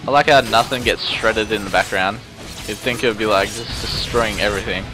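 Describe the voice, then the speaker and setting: A man giving casual gameplay commentary, swearing and trash-talking excitably. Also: on the low side, a little fast, music in the background.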